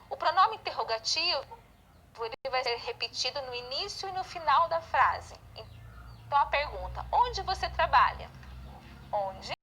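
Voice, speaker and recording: A woman's voice: high-pitched, pushed and bright, a little hiss or hum, low-quality recording. A Brazilian woman teaching a class, explaining step by step and checking in with "tá?" and "né?". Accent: Brazilian Portuguese. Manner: explanatory, frequent checking tags like "tá?" and "né?". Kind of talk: online class lecture.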